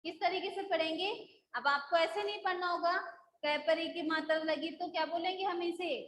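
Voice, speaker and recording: A woman's voice: very high-pitched, fairly even intonation, moderate pace, fairly bright tone, roomy sound, slight background noise, poor audio. A woman school teacher taking a live online class, patiently drilling syllables and checking that the students follow.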